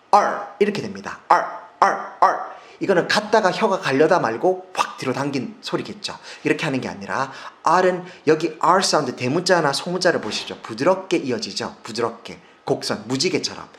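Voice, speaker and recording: Man, 40s, from South Korea, pronunciation teacher, emphatic, very animated pitch. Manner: emphatic, repeats sounds for drills. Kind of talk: video lesson.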